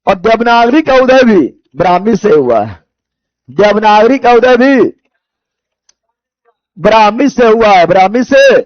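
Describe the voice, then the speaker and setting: This is a live general knowledge lecture for competitive exams, taught by a man from Bihar with a Bihari accent and an expressive, high voice. He goes slowly with many pauses, drilling through repetition of key phrases and rhetorical questions aimed at his students. The recording is lo-fi, without echo.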